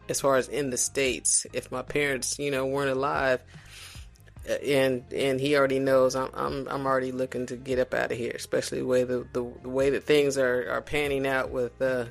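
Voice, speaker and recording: A man from South Carolina, a podcast guest in casual conversation, talking in a reflective, unhurried way with many restarts. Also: medium pitch, creaky.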